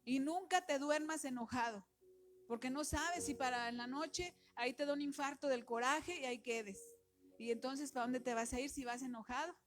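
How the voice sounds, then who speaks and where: High-voiced woman preaching a sermon. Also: normal speed, soft background music. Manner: earnest, exhorting, rises in volume when quoting scripture.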